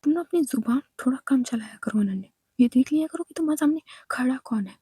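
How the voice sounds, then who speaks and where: Stern scolding woman doctor in a whispered role-play, voiced by a woman, high, mellow tone. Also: animated, fast talker, husky, no room sound, studio quality, exaggerated voice. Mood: threatening. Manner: scolding, commanding.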